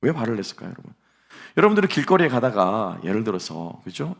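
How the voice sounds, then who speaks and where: A low, gravelly male pastor preaching a sermon. His pitch swings widely as he questions the congregation and acts out scornful onlookers. He delivers it in a church sanctuary. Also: very animated, fast talker.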